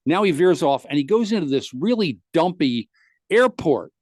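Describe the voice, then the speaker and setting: A podcast host with a voice on the high side tells a long comic anecdote at a moderate pace, animatedly acting out the other people's lines. It's a dry recording with clean sound from a podcast studio.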